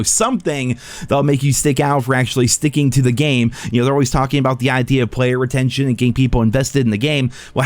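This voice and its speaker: A man's voice: medium pitch, dry recording. A man giving casual game review commentary as a video host, blunt and sweary, with a sarcastic, scathing critical edge.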